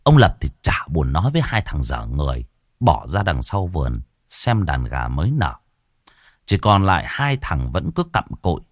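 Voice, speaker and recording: A man narrating a horror story in an expressive storytelling manner. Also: rumbling low, moderate pace, no echo, studio quality. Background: faint background music.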